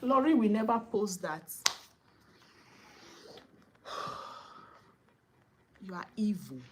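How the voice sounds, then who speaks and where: A woman's voice: mid-range voice, animated, moderate pace, a little hiss or hum. A Nigerian woman vlogger giving indignant, scolding commentary, mixing English and Pidgin.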